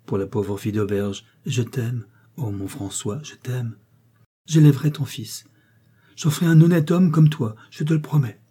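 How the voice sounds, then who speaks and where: A man voicing a grieving young wife in a storybook reading, speaking softly and tenderly to her dying husband. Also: mid-range voice, slightly rough, natural voice.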